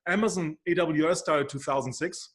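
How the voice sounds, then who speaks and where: A man's voice: a little high, moderate pace. A man appearing as an analyst guest on a video call, playful and teasing, often tagging his points with "right?". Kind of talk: casual interview chat.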